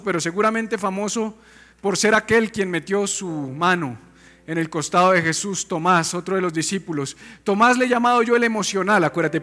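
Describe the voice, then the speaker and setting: A man preaching a sermon in a high, bright-toned voice. His delivery is animated and chatty, and he keeps throwing questions at the congregation. Soft music sits faintly behind him. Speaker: pastor.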